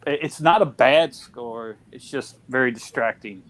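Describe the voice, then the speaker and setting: A man's voice: medium pitch, a little slow, fairly bright tone. A man hosting a casual film discussion, chatty with lots of fillers and restarts. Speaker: podcast host.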